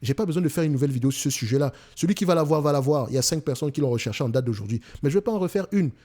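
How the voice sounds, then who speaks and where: A man's voice: a little high, animated, very fast, warm tone. A man with a Cameroonian French accent, hosting an investing channel in an emphatic casual monologue, often restarting and repeating himself.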